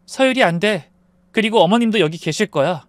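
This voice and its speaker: A man voicing an indignant young wife who shouts accusations at her husband in a story narration. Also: medium pitch, animated, a little fast, dry recording, voice pushed up, natural voice. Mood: defiant.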